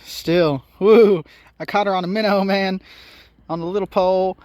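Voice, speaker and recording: A man chatting casually while night fishing on a riverbank, excitable, swearing a lot and laughing often. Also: high voice, normal speed, no room sound. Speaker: angler filming his night fishing. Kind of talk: casual fishing vlog chat.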